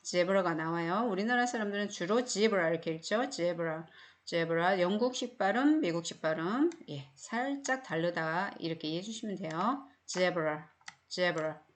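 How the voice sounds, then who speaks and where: A woman's voice: lowish voice, expressive, normal speed. A middle-aged woman teaching phonics in a recorded online English lesson, speaking with a Korean accent and explaining each word patiently with many repeats.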